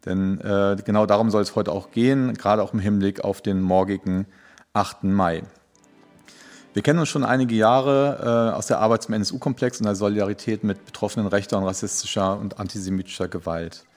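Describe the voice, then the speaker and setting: Low-voiced hesitant male podcast host. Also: fairly even intonation, a little fast, a little mellow, soft background music. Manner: hesitant, many filler sounds. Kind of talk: podcast interview.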